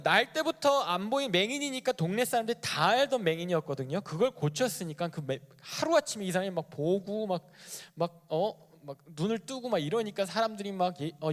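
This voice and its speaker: A man giving a youth sermon in a conversational way, asking his listeners questions and acting out the people in the story. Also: sits high. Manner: conversational preaching, asks the congregation questions; acts out quoted characters in lively bursts. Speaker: youth pastor. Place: church sanctuary. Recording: live church stream with long hall reverb.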